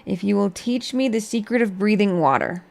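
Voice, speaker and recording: A woman's voice: mid-range voice, moderate pace, vocal fry, darkish tone, natural voice. A woman voicing a proud, impatient male smuggler from a storybook, with stiff, demanding delivery. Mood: businesslike. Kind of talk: storybook read aloud.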